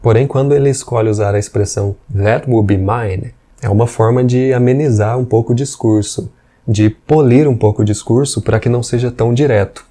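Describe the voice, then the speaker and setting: A man, teaching English patiently and slowly repeating examples. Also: mid-range voice, warm tone. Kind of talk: explanatory language lesson.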